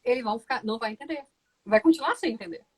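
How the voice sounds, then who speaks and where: Husky-voiced woman lawyer explaining calmly. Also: fairly high pitch. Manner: measured, reflective, frequent "né?" tag questions. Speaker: law professor and lawyer. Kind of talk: interview answers.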